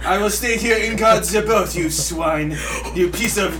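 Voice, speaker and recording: A man's voice: high voice, a little slow, music in the background. A man voicing an insolent, foul-mouthed orc guard in a tabletop game, mock-obedient and insulting. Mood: mock-polite contempt. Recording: distant mic with clear background noise.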